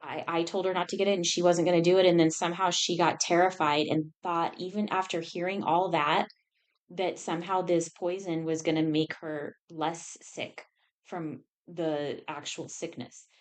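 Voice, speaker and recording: A woman co-hosting a podcast in casual conversation, chatty and quick to laugh, animated when retelling. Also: fairly low pitch. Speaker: podcast co-host.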